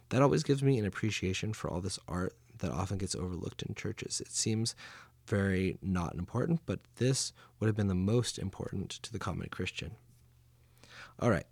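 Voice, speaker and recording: A man with a fairly low voice guiding listeners through a scripted audio tour. He keeps it chatty and playful, slipping in jokes between explanations. The recording is close and dry, with no room sound. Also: a little mellow, dry recording.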